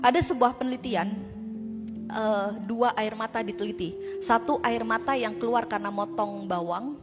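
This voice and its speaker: Woman speaker, high voice, lively talk to a women's group, long hall reverb with music behind. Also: normal speed. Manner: animated and conversational, with rhetorical questions to the crowd. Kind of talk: motivational religious talk to a live audience.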